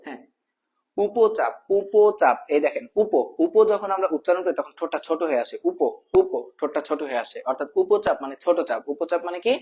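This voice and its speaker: A man's voice: on the high side, lively intonation, fast, hardly any pauses, a little mellow, lo-fi sound. A man teaching a math lesson in a casual spoken way, repeating each term and asking the viewer questions, addressing them as brother. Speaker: math tutor.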